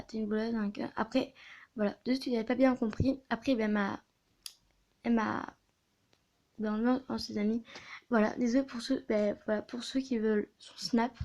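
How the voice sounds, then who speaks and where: A woman telling a story in a casual video, talking quietly and hesitantly with many fillers and restarts. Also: fairly high pitch, steady tone, moderate pace, highs cut off. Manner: soft-spoken, quiet. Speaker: video creator.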